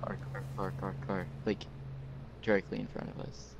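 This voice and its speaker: Low-voiced, laid-back gamer man. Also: level tone, normal speed, vocal fry, slight background noise. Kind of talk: casual gameplay chat.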